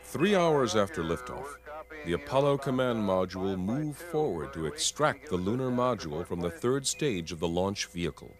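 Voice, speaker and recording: A man's voice: lowish voice, lively intonation, moderate pace. A man reading scripted narration for a documentary.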